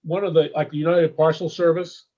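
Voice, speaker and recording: In a laid-back interview, this American man talks in a warm, wandering way, adding "you know?" and "okay?" to his lines. His voice sits on the high side with little pitch movement, he speaks a little fast, and the recording is muffled.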